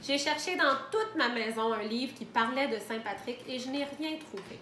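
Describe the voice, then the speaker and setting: A woman teacher reading a picture book aloud to children from home, gently explaining words as she goes. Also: fairly high pitch, expressive, normal speed, reverberant, background noise.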